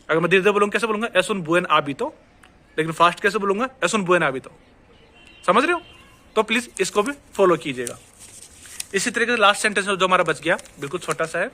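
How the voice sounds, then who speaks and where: A man's voice: sits high, bright, forceful tone. A man teaching Spanish pronunciation in an online lesson, explaining step by step and answering his own questions. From India.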